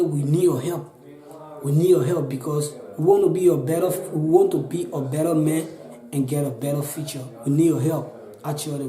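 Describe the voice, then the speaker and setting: A Liberian man in his twenties, with a fairly high, warm voice and a Liberian accent, tells his own story in an interview. He sounds earnest and pleading, repeating himself and restarting often. The low-quality recording has a roomy sound.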